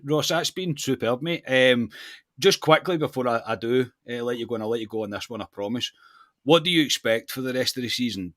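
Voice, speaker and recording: A man's voice: mid-range voice, fairly bright tone, dry recording. A Scottish man hosting a football podcast with easy, friendly chat, tossing in "mate" constantly. The recording is dry, with no room sound. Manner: friendly, says "mate" a lot. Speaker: podcast host.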